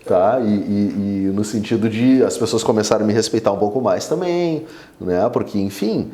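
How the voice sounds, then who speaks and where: Man, interview guest, mellow dark tone, chatty storyteller, echoey room. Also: fairly low pitch, moderate pace. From Brazil. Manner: animated storyteller, many fillers like 'né' and 'cara'. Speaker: oral surgeon guest. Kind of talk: casual interview chat. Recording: roomy echo.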